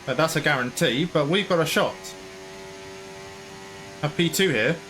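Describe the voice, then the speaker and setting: A man's voice: on the high side, lively intonation, a little slow, over music. A man casually commentating his own racing game play, chatty and rambling, sometimes slipping into mock broadcast commentary. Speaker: gaming YouTuber.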